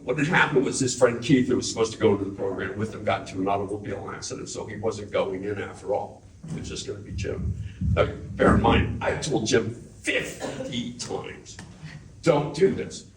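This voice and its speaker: Older man, casual storyteller, animated; roomy sound, faint background hum. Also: on the low side, a little fast, far from the mic. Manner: animated storyteller, acts out quotes with a laugh. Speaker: interviewee remembering his brother. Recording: echoey room, voice a bit off-mic.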